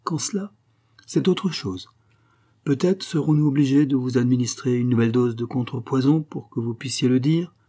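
A man voicing a mysterious armorer who speaks in a composed, ironic way, a little higher than his narration. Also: moderate pace, dark tone, close to an everyday voice. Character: shrewd, cool mysterious armorer, adult man.

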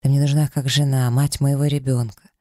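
A man reading a romance audiobook, voicing a confident man in love who speaks softly and reassuringly. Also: mid-range voice, flat delivery, brisk, dry recording, studio quality, lightly acted. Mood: tender. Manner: soft, warm-hearted and reassuring.

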